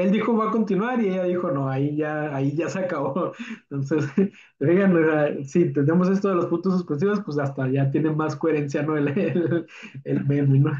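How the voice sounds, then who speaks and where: A man teaches punctuation in a casual, rambling way and keeps checking in with tag questions. His voice is slightly high and mellow. The recording is dull and echoey, like a classroom. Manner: informal and chatty, with many "eh" fillers and tag questions. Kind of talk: recorded spelling and punctuation lesson.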